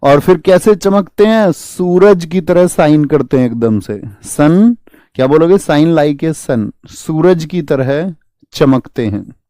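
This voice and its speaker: A man's voice: a little high, expressive, slow, dark tone, no echo. A man teaching an exam-prep class at a board, quizzing students and drilling memory tricks in an emphatic classroom manner. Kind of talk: classroom lecture with mnemonics.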